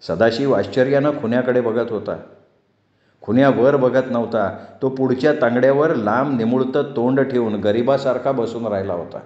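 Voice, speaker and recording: A man narrating a novel as a storyteller, steady and measured. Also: medium pitch. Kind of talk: novel reading. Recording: roomy dull lo-fi sound.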